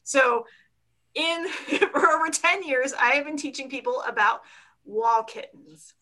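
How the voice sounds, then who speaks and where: A woman's voice: high-pitched, measured pace, bright, forceful tone, poor audio. A woman with a Philadelphia accent, a dance teacher and author, chatting animatedly in an interview and laughing often. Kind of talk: casual interview chat.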